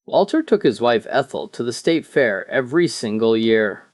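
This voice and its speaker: A man tells scripted jokes in an animated storytelling style, acting out the dialogue. His pitch moves around a lot, and the sound is dry and close with little room on it. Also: moderate pace, no room sound. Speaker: joke teller. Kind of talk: scripted joke narration.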